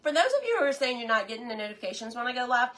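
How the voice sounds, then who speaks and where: A woman's voice: fairly high pitch, lively intonation, rapid-fire, a bit bright. A woman, chatting casually on a live cooking stream while eating, enthusiastic and sometimes talking with her mouth full.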